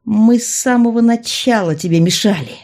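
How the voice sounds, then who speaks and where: A woman voicing a hot-tempered, sharp-tongued young witch who snaps back indignantly. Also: on the high side, normal speed, voice pushed up, lightly acted.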